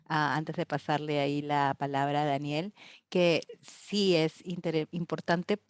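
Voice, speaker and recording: Female panel host, notably low voice, dry sound, careful and wordy conversational delivery. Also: steady tone, measured pace, clean tone, no echo.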